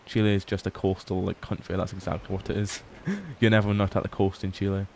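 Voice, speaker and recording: A man's voice: sits low, steady tone, a little fast, creaky, a little mellow, a little hiss or hum. A tired young man casually chatting on a livestream, reading chat aloud and swearing often. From Scotland. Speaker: livestream host. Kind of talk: casual late-night stream chat.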